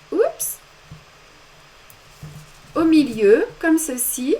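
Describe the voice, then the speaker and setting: A woman with a French accent giving step-by-step embroidery instructions during a live demonstration, with small self-deprecating asides. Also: fairly high pitch. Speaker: embroidery teacher.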